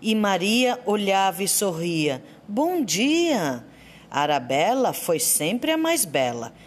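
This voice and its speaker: A woman, a school library assistant, reading children's poems aloud in a storytelling way. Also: mid-range voice. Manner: slow, lively storytelling reading.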